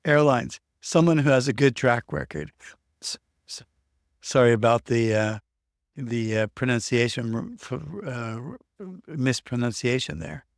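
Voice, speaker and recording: A native English-speaking man in Norway hosts a self-help video, speaking in a medium pitch at a measured pace. He rambles loosely through ideas about worry, often restarting words mid-sentence, in unscripted explanatory talk; the sound is clean studio audio with no echo.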